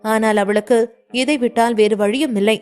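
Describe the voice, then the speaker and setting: Higher-voiced woman telling a story. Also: steady tone, normal speed, darkish tone. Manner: dramatic, emotive reading. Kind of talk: scripted narration.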